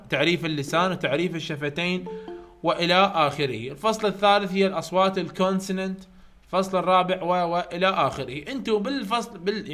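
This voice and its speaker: A man's voice: high-pitched, a bit bright. A man with an Iraqi Arabic accent giving a chatty live online lecture, repeating key points and speaking straight to his students. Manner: repetitive, chatty teaching, addresses students directly. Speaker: English phonetics tutor.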